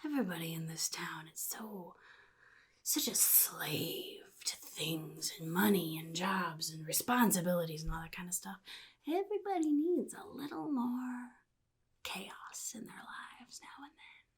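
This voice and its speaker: A woman acts out a chaotic comic-book supervillain in an ASMR roleplay. The voice is fairly low and husky, often sinking into a breathy whisper. The delivery is sly and theatrical, a gleeful villain drawling advice. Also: animated, measured pace, exaggerated voice. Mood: gleeful, musing. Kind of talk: soft-spoken ASMR roleplay monologue.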